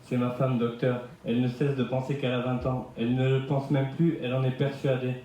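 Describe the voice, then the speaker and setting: A man's voice: medium pitch, little pitch movement, brisk, mellow, slight background noise, lightly acted. A young man playing a worried old husband. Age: 20s. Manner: earnest, pleading. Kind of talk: amateur stage sketch. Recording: echoey room.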